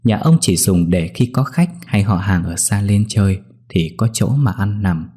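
Husky, dark-voiced man narrating horror. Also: fairly low pitch, lively intonation, a little slow. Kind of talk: scripted horror story narration.

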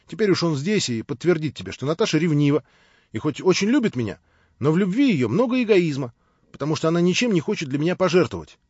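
Naive young man, read by a male narrator; plaintive, rambling, a bit lower and softer than the narration. Dry, dull-ish audio. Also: sing-song, fast talker, husky, no echo. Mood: self-justifying.

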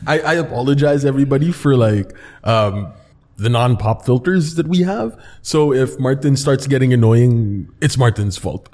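A man's voice: medium pitch, normal speed, a little mellow. A man hosting a casual group chat on a podcast. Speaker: podcast host. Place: co-working space, indoors.

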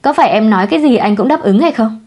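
A young expectant wife speaks in a soft, candid way, a touch pouty and lifted in pitch, as a woman reads her. The tone is warm and mellow with a breathy, husky edge. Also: animated, fast. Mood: gentle.

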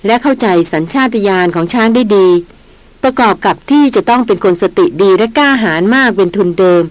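A woman voicing a calm, measured male veteran jungle hunter who explains slowly and steadily in an audiobook. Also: fairly high pitch, no echo, natural voice, low-quality recording.

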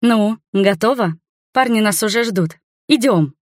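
A woman reading an audiobook and voicing a lively, bossy young woman who scolds and teases in a high, loud voice. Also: unhurried, no echo, clean studio sound. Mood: eager.

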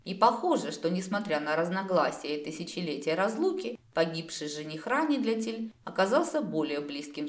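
A woman reading a first-person fantasy audiobook aloud in a wry, expressive way, recorded at home. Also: low voice, roomy sound. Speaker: audiobook reader.

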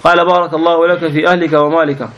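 A man with a Sudanese Arabic accent reading hadith aloud to his teacher in a quick, level recitation, sometimes restarting a word. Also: on the high side, dull audio, a little hiss or hum. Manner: fast, even reading with small restarts.

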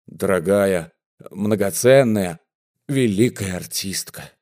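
Man doing a booming, stammering big prisoner. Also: slow pace, darkish tone. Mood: emotional. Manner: booming, stammering, swallowing sounds. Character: big lumbering male prisoner, pompous and emotional.

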